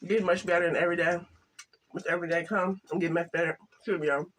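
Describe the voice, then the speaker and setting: An older woman chatting casually to camera while eating, halting and soft-spoken, with some stutters. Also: lowish voice, steady tone, slight background noise. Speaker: mukbang vlogger.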